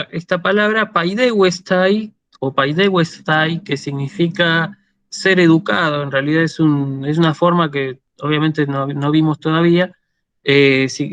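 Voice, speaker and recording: A man's voice: a little high, a bit bright, no room sound. A man with an Argentine Spanish accent gives a university lecture over a video call, explaining patiently and often checking that students follow. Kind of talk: online lecture.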